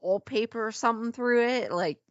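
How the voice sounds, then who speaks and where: A woman's voice: a little high, fairly quick, dry recording. Exasperated female podcast co-host. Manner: agreeing often, exasperated, emphatic. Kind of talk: casual chat. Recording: dry, dull lo-fi sound.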